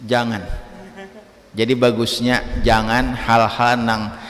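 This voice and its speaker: A man with a Banjar accent giving a conversational religious lesson in an Islamic study hall, lecturing in a lively, chatty way and acting out examples. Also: mid-range voice, takes it slowly. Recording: reverberant hall.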